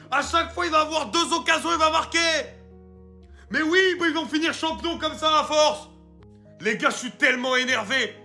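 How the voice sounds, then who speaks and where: A man football fan shouting in outrage about his team's loss. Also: very high-pitched. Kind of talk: angry fan rant.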